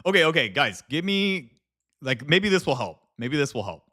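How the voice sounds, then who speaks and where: A man's voice: on the high side, big pitch swings, moderate pace, bright, forceful tone. A man livestreaming in a casual chat with viewers, speaking informally with slang and some swearing. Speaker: live streamer and video creator.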